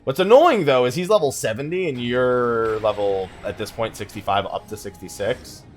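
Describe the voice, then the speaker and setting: A gaming YouTuber hosts a let's play, his medium-pitched voice moving at a normal speed over soft background music. He rambles casually and thinks aloud as he plays.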